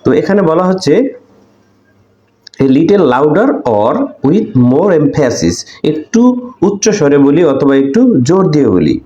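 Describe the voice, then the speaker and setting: A man teaches an English textbook lesson, explaining in Bengali and then reading English sentences very slowly, leaning on the stressed words. His voice is mellow and rather high, with a lively, swinging pitch. The recording sounds echoey, like a bare room. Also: lo-fi sound. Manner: hesitant fillers between phrases.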